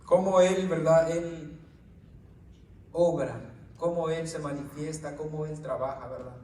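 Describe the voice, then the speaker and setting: A fairly high-voiced man preaches in an informal teaching style to a small gathering, often checking in with "right?" and "brother" and tripping over his words now and then. He sounds set back from the mic in an echoey room, with a faint hiss behind him. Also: steady tone, unhurried, a little mellow, recorded from a distance.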